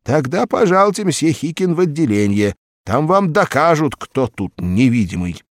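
A mock-polite, officious militiaman, voiced by a man a bit higher and louder than his narrating voice. The recording is close and dry. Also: very animated, normal speed, dry recording. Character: officious, mocking male militiaman.

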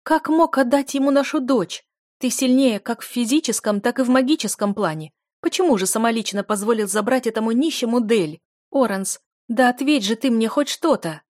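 A frantic noble duchess on the edge of a breakdown, as a woman reader puts her on, her voice shooting high and loud as she sobs and pleads. She talks in a shrill, tearful rush. The audiobook recording is dry and close. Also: lively intonation, a little fast, hardly any pauses, no echo.

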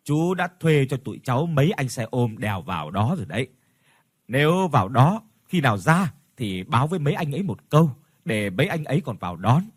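A man's voice: medium pitch, very animated, fairly quick, husky, dry recording, studio quality. A man doing a half-joking old innkeeper. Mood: warning. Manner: teasing yet cautioning. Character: elderly male inn owner, half-joking, warning.

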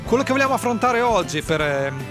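A man hosting a radio program, interviewing guests in a lively, conversational way with an Italian accent. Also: high-pitched, brisk, music in the background. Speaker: radio host.

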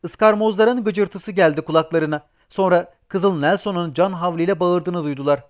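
A man's voice: high voice, moderate pace. A man reading a novel aloud as an audiobook narrator, voicing the characters' lines as well. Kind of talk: scripted narration.

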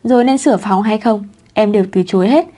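A woman's voice: medium pitch, fast, warm tone, lightly acted. Woman reading as a playful clingy young husband. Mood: teasing.

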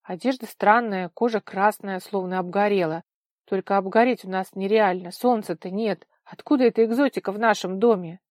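A woman reading an audiobook voices a jealous, scornful young brunette woman with a shrill, mocking way of speaking. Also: moderate pace, darkish tone, no room sound, studio quality, close to an everyday voice. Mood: grumbling.

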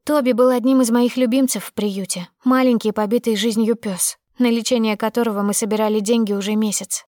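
A woman narrating a first-person audiobook in a steady, emotive storytelling manner. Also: a little high, a little fast, no echo, studio quality.

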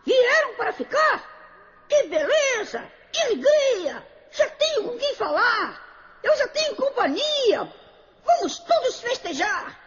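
Storybook parrot: eager, sociable little male bird, very high and lively, dull lo-fi sound. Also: heavily acted. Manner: sing-song, exclamatory storybook delivery. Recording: dull lo-fi audio.

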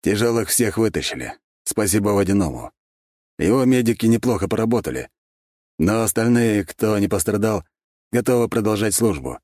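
A man voicing a calm, matter-of-fact middle-aged squad commander in an audiobook. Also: fairly low pitch, moderate pace, no room sound, clean studio sound, voice pushed up.

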